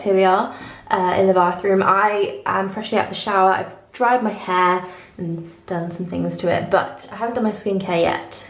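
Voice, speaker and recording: A woman vlogger talking casually to camera in an echoing bathroom, chatty and informal with little self-deprecating asides. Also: medium pitch. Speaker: beauty vlogger. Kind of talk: casual chat to camera, morning routine walkthrough. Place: small indoor bathroom. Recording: echoey tiled bathroom.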